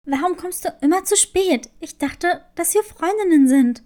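A woman's voice: extremely high pitch, expressive, moderate pace, a little mellow. A woman voicing a young girl's friend who scolds reproachfully in a dream, in a children's storybook.

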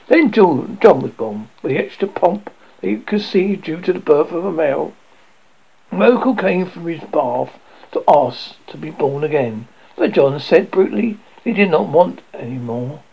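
A man reading a children's novel aloud for radio, expressive, with occasional stumbles and self-corrections. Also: a little high, gravelly, slightly rough, muffled recording. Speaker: narrator.

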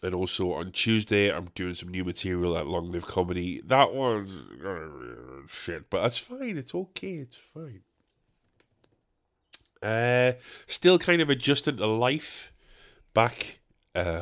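Sounding congested from a cold, this stand-up comedian hosts his podcast solo in his bedroom with a low-sitting, fairly bright voice. He meanders through self-deprecating jokes and playful tangents.

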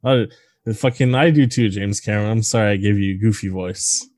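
A man's voice: lowish voice, fast talker, a little mellow, no echo. A man co-hosting a casual movie podcast, crude and joking, rambling with fillers. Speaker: podcast co-host.

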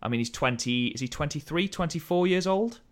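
A man co-hosting a podcast, chatting casually about wrestling in an animated, opinionated way that slides into rants. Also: fairly high pitch, fairly quick, slight background noise. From United Kingdom. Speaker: podcast co-host.

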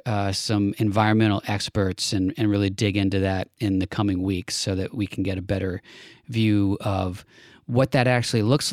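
Smooth-voiced man hosting a chat. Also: fairly low pitch, darkish tone, no echo, clean studio sound. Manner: earnest, with thinking fillers. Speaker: podcast host. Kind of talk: casual political chat.

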